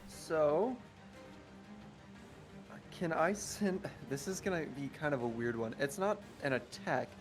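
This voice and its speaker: A man's voice: on the high side, expressive, slow, long pauses, music in the background. Jokey man playing a tabletop game. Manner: jokey, laughs often. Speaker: player. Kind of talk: casual tabletop game chat.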